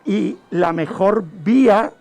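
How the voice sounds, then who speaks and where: A guest criminologist in a radio studio recounts crime history in a teaching manner, posing questions and answering them himself over background music. His voice is high, creaky and darkish, and he takes his time.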